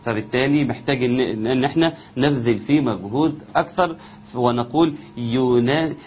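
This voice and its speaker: Man, Egyptian accent, tajweed teacher, quick explanations, slow chanted verses, muffled lo-fi sound with faint hum. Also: medium pitch. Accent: Egyptian Arabic. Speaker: Quran recitation teacher. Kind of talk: tajweed lesson with chanted recitation.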